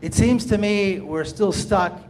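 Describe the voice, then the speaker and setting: A man's voice: high voice, a little slow, a little mellow. Earnest man, emphatic and repetitive. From Jerusalem. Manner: earnest, emphatic, repeats phrases. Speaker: audience member, activist. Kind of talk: impassioned public comment.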